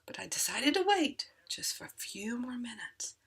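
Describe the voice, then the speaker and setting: A woman telling a first-person story in an animated, dramatic way. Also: fairly high pitch, moderate pace, husky.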